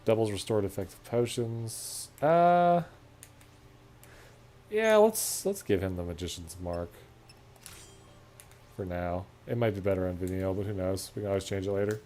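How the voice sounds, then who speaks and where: A man's voice: fairly low pitch, lively intonation, normal speed, long pauses, warm tone, slight background noise. A man streaming a video game, chatting and joking as he thinks aloud. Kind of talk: casual gameplay commentary.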